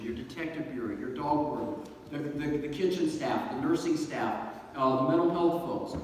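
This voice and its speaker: A man's voice: on the high side, a little mellow, slight background noise. A man giving an earnest banquet speech with folksy humor as a guest speaker from a law-enforcement agency. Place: banquet hall. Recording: echoey hall from a distance.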